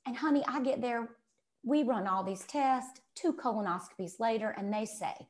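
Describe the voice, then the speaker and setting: A woman's voice: a little high, normal speed. A middle-aged woman with a Mississippi Southern accent tells personal stories casually and emphatically, often acting out quoted remarks. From Mississippi, United States. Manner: animated, emphatic, quotes herself and others. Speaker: guest. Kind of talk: casual conversational storytelling.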